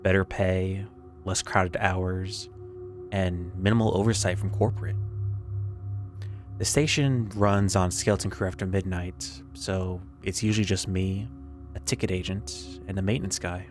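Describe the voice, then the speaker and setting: A man narrating a scripted first-person horror story in a measured, creeping, suspenseful way with pauses. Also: low-pitched, fairly even intonation. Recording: background music under the voice.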